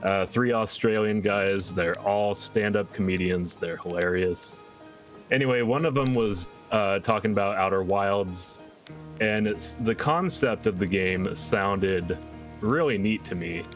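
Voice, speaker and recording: A man speaking as a guest streamer in a relaxed, conversational way. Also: fairly low pitch, measured pace, soft background music. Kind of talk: casual chat.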